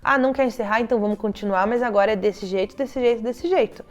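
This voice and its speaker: A woman's voice: a little high, fast talker. Chatty young woman telling work stories. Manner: chatty storytelling, acting out parents' quoted lines. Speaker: child psychologist. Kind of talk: casual advice vlog to fellow therapists.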